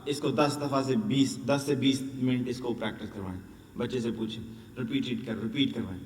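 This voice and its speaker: A man's voice: mid-range voice, steady tone, darkish tone. A man training Quran teachers, drilling letter sounds and asking and answering his own questions. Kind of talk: instructional lesson. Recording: echoey room, distant mic, faint noise.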